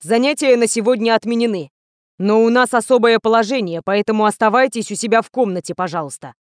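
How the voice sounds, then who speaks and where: A woman's voice: a little high, fast talker, no room sound, studio quality, natural voice. Woman voicing a grim, stern male teacher. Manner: curt, grim, authoritative. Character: weary stern middle-aged male teacher.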